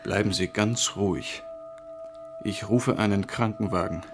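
A police commissioner who soothes a wounded woman. His voice is lowish and his speech calm and concerned. Music plays clearly behind him. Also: a little slow. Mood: soothing. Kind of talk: German radio play acting.

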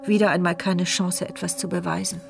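A woman's voice: lowish voice, little pitch movement, a little fast, gravelly, music in the background. An actress narrating as a frightened young woman in a wheelchair who cannot speak, in a tense inner monologue for a German radio play. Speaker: first-person narrator and heroine.

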